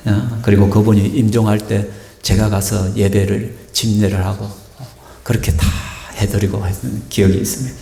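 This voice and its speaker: A man's voice: on the low side, warm tone. A male pastor preaching a sermon and telling a personal story, acting out the voices of the people in it. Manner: storytelling, acts out quoted voices. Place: church sanctuary. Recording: echoey church hall.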